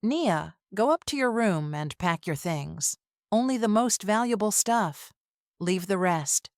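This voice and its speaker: A woman's voice: medium pitch, animated, measured pace, no echo, studio quality. A woman voicing a stern retired military father in a narrated family drama, commanding and furious. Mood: firm.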